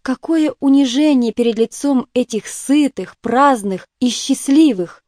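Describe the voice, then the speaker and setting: A woman's voice: high voice, unhurried, darkish tone, no echo, clean studio sound. A woman reading an audiobook, voicing a bitter, self-pitying male doctor who groans and breaks into agitated outbursts. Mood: groaning.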